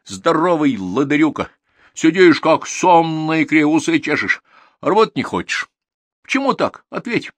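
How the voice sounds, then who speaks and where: A man voicing a big, stern older male farm manager who scolds in a raised, loud voice in an audiobook. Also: fairly high pitch, very animated, moderate pace, dry recording, pitched above the performer's own voice. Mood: scolding. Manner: scolding, exasperated.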